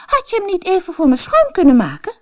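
A woman voicing a spoiled, impatient young princess in a storybook reading, shrill and petulant, often sobbing. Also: wildly swooping pitch, fast talker, dry recording, exaggerated voice.

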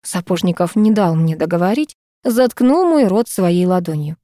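A woman reading a first-person novel aloud, with a wry, expressive delivery. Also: fairly low pitch, moderate pace, no room sound, studio quality. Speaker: audiobook narrator.

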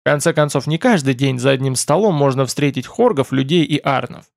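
A man's voice: mid-range voice, fairly quick, vocal fry, darkish tone, no room sound, studio quality, lightly acted. A man voicing a polite, curious lord of a nonhuman race, speaking formally. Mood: courteous.

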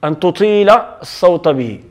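A man's voice: sits high, expressive, moderate pace. A middle-aged man with a Moroccan accent lecturing on Quran recitation rules, explaining patiently and asking himself questions. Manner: explanatory, repeats key terms and asks himself questions. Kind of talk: classroom lecture on tajweed.

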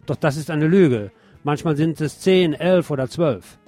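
This man hosts scripted radio commentary, his fairly high voice warm and unhurried even as he delivers it with indignant emphasis. Music plays beneath him throughout.

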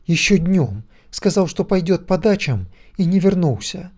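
A man's voice: mid-range voice, animated, normal speed, mellow, close to an everyday voice. A man voicing an anxious but firm wife and mother, urgent and insistent, in a storybook reading. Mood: worried.

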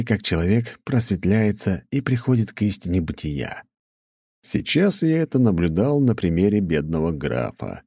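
A man narrating an audiobook in a lively, expressive storytelling manner. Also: sits low, no room sound, studio quality.

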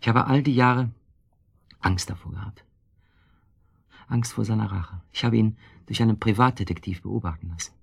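A male actor voices a brooding husband worn down by guilt in a German radio drama. His husky, gravelly, lowish voice comes out halting and bitterly ironic, with a weary, confessional mood.

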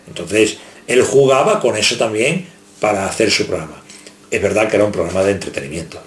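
A man's voice: on the low side, animated, brisk, reverberant. A man, a journalist, answering a street interview in a thoughtful way, sometimes restarting his sentences.

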